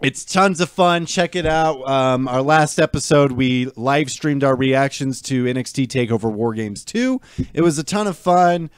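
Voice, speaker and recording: A man's voice: medium pitch, normal speed, clear, resonant tone, no room sound. A man from New Mexico who hosts a wrestling podcast, chatting with dry wisecracks. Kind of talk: casual chat.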